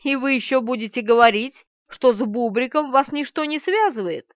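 A woman's voice: high voice, animated, moderate pace, no echo. A woman voicing a brusque, sarcastic middle-aged man in an audiobook. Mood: sneering. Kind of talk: audiobook character voice. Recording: slightly dull, dry.

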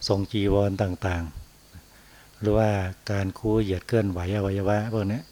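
A man, a Buddhist monk, giving an unhurried dharma talk on meditation and tagging his phrases with a soft particle. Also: on the low side, fairly even intonation.

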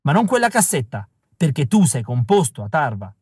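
A young woman rebel from an audiobook, cold and calculating, laying out a plan as a man reads her part. Her lines sit a little above the reader's normal pitch, and the recording is close and dry. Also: sing-song, normal speed, a little mellow, slightly rough, no echo. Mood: cool briefing. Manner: cold, briefing tone.

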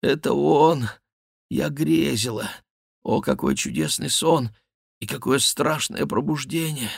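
Man playing a gentle lovestruck young noblewoman, soft lifted voice, dry close sound, audiobook figure. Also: medium pitch, animated, slow pace, creaky, breathy edge, no room sound, pitched above the performer's own voice, heavily acted. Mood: tender. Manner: soft, wistful, lightly raised voice. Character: tender young noblewoman in love, gentle and dreamy.

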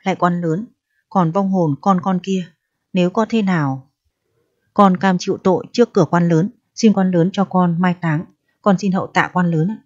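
Brief: grieving country father begging a mandarin, read by a woman, soft and humble, dry muffled recording. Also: on the low side, moderate pace, no echo, natural voice. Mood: pleading. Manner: humble, pleading. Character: anxious grieving older village father.

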